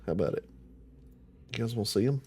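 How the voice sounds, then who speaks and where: A man's voice: on the low side, lively intonation, fast talker, darkish tone, husky. A young man running an online tabletop game as game master, joking and swearing casually.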